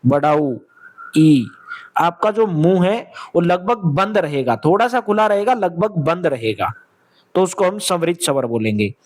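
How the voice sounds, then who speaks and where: A young man with a Haryanvi Hindi accent teaching an exam-prep lesson, asking questions and answering them himself and calling his students "bhai". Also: fairly high pitch. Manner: explains step by step, asks questions and answers them, calls listeners "bhai".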